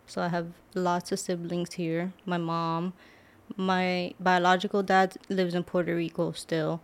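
A woman's voice: fairly low pitch, little pitch movement, a little slow, clean tone. A young adult woman from Brooklyn, a podcast guest talking casually with many "like" fillers. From Brooklyn, New York. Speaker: guest, author and medical assistant. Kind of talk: casual interview. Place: podcast studio.

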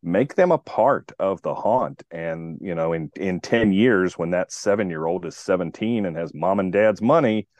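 A man's voice: low voice, a little mellow, no echo, highs cut off. A man hosting a podcast in casual chat, rambling with many restarts. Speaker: podcast host.

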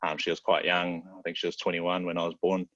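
Speaking quickly in a very deep voice, a relaxed South Auckland man chats easily as a guest on a podcast. His talk is slangy and he drops "bro" into every phrase. The audio has no echo and sounds dry and somewhat dull.

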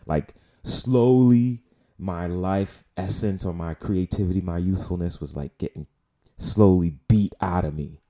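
Here a late-20s man from the Bronx talks on his casual solo podcast in a low-pitched, dark voice, speaking a little slowly. His New York accent is clear, and his manner is loose and profane, rambling with many fillers.

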